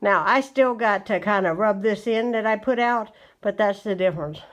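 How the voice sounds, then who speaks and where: A woman's voice: medium pitch, normal speed. A woman with a West Virginian accent, chatting casually at home as she shows off a wood-care job and recommends the product. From West Virginia, USA. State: a bit out of breath. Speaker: home vlogger. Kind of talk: casual chat. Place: home, indoors.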